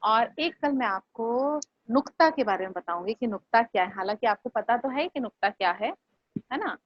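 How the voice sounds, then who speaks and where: A woman teacher giving a slow, patient online lesson, asking her students questions. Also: a little high, expressive, no echo. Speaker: Hindi teacher. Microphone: video call. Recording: muffled online class audio.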